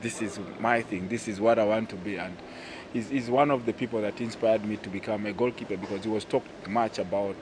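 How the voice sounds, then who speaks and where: Speaking into a handheld mic on a poolside terrace, this Ugandan-accented national team goalkeeper and captain, a man in his thirties, gives a casual interview. His voice sits on the low side and stays steady, moving briskly with hardly any pauses, yet he still hesitates and leans on many fillers. Background noise and outdoor ambience come through.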